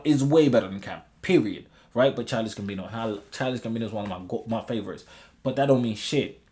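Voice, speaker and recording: A man with a fairly low voice talks casually to his viewers in a rambling opinion monologue. His speech is slangy and peppered with swearing, and he circles back over his points, repeating phrases and checking he is understood. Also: darkish tone. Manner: repetitive, with frequent checking tags like a conversational rant. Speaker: video creator giving opinions on manga and music.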